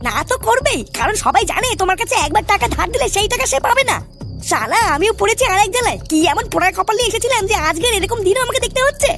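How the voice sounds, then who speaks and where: A woman's voice: very high voice, sing-song, very fast, a bit bright, faint music behind. A woman voicing cartoon characters, mostly an angry, nagging wife scolding her husband. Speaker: cartoon voice actor. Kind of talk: Bengali cartoon dub.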